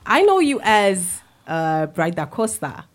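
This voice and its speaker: A woman's voice: mid-range voice, very animated, takes it slowly. A young woman hosting an interview show, chatty and laughing often, with plenty of fillers. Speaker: show host. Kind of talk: casual interview.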